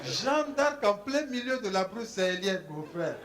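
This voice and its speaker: A male stand-up comedian from Niger, telling jokes in a lively, teasing way at a live show. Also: high-pitched, a little slow, noisy background. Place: live show before an audience.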